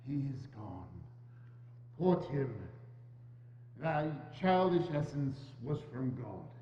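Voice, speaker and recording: A man playing Scrooge, a frightened, remorseful old miser pleading with a spirit in halting, theatrical speech in a dramatic stage reading. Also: mid-range voice, very animated. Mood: grieving, anxious. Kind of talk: dramatic reading of a Victorian classic. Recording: echoey church hall, dull, humming noise.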